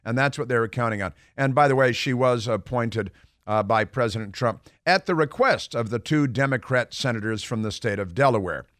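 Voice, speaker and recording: A man's voice: mid-range voice, normal speed, a bit bright, dry recording. A man with an American accent hosting opinionated political talk radio, speaking in emphatic phrases on a close studio microphone.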